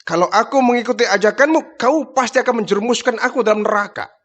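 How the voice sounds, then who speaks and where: A man's voice: very high-pitched, fast, fairly bright tone, muffled recording, voice pushed up. A man voicing a poor, devout woman who firmly defies her tormentor, within a storytelling sermon. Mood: defiant. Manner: firm, defiant declarations. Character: defiant devout poor woman, unshakable faith.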